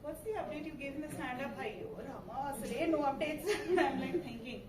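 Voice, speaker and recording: Fast-talking South Indian woman comedian, echoey venue. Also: high voice, crowd noise. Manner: animated storytelling, acting out dialogue. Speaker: stand-up comedian. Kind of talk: musical stand-up comedy routine, mixing languages. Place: live comedy venue with audience behind. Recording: echoey room, distant mic, noisy audience.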